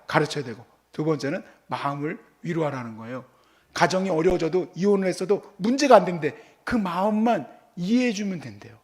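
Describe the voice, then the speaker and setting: A man's voice: a little high, lively intonation, brisk. A man preaching a sermon as pastor, telling stories and acting out how he scolds and comforts his child.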